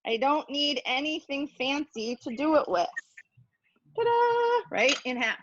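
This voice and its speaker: A cooking instructor with a high, fairly bright voice talks at a normal speed, chatty and playful, poking fun at herself as she walks through each step of a hands-on demonstration. The lo-fi recording has no room sound.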